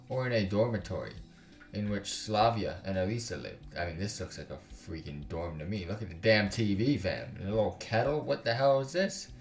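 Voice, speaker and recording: A gaming YouTuber with a fairly low voice hosts a casual let's play over background music, stumbling haltingly through story text. He keeps breaking off into exasperated commentary full of slang and swearing, and the room is clearly audible around him.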